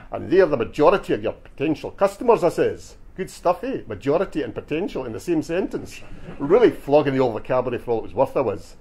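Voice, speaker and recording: A man's voice: mid-range voice, a little mellow, husky. A man voicing a stocky, cheeky retired Glaswegian man with a broad dialect, telling a boastful story at a bookshop reading. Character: cheeky stocky older Glasgow man, joker. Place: bookshop event.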